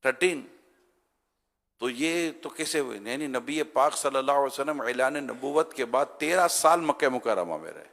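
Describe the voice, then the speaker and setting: Animated man telling a religious story. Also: medium pitch, vocal fry. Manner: animated storyteller who acts out voices. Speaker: religious scholar. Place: studio. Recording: studio with long reverb.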